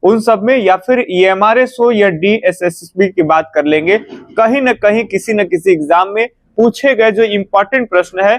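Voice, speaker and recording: Brisk high-voiced Bihari Hindi teacher. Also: male voice, dry recording. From India. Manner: brisk, repeats "theek hai" and "fatafat se bataenge", drawn-out "a" fillers. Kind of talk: exam-prep lesson.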